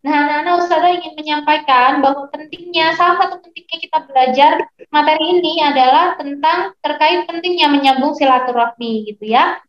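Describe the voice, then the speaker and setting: High-voiced woman teacher, echoey muffled audio. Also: slight background noise. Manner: slow, patient explanations to students. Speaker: English teacher. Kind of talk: online class lesson, mixing English and Indonesian. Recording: echoey, slightly muffled online lesson audio.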